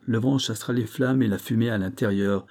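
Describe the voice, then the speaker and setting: A man's voice: fairly low pitch, fairly quick, darkish tone, natural voice. A man reading as a cautious, worried engineer. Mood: directing. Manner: insistent, raised protests.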